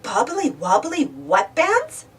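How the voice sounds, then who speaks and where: A woman's voice: a little high, huge pitch swings, slow, a bit bright, husky, recorded from a distance, full character voice. A woman voicing a fussy, dramatic female cartoon duck in a children's storybook. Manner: exasperated, dramatic.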